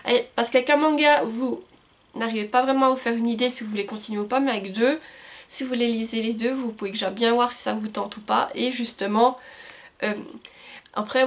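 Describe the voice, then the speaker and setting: A woman's voice: a little high, steady tone, fairly quick. A woman vlogging about books, reading back-cover summaries aloud and chatting about her purchases, sometimes tripping over words. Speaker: book vlogger. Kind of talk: casual book haul chat with read-aloud summaries. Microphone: camcorder.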